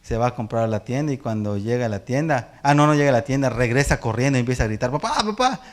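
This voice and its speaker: Mexican pastor telling family stories. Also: male voice, medium pitch, fast. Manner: animated storyteller, acts out family voices and laughs often. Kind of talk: sermon with personal storytelling.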